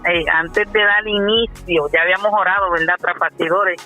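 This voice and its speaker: A woman's voice: fairly low pitch, steady tone, moderate pace, sharp tone, soft background music, poor audio. A woman in her fifties with a Puerto Rican accent, telling her faith testimony earnestly, with frequent "eh" and "¿verdad?" asides. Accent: Puerto Rican Spanish. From Puerto Rico. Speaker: minister giving her testimony. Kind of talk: personal testimony on a radio show.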